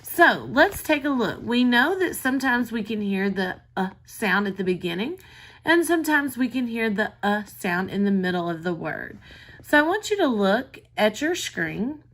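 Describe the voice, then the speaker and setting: A woman's voice: fairly high pitch, sing-song, normal speed, a bit bright. A woman kindergarten teacher giving a reading lesson, explaining simply and sounding words out carefully, as if reading to a toddler. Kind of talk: recorded reading lesson for young children.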